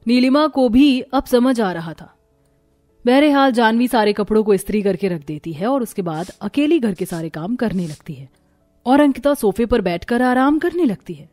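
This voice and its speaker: A fairly high-voiced woman with a somewhat dark tone serves as narrator for a scripted family story. Very little room sound comes through, leaving the recording dry.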